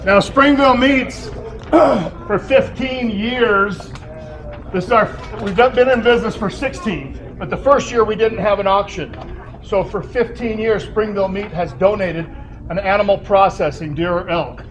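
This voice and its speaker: A man's voice: high voice, a little slow, a bit bright, rough recording. A man hosting a live event, giving informal announcements in a plain-spoken, homespun way. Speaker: event host.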